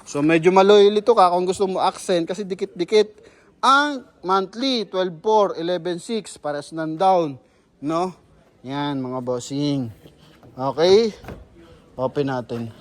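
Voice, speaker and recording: A man with a Filipino accent giving a casual walkaround sales pitch on a car lot, chatting to viewers and calling them "boss". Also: slow pace. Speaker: used car sales presenter.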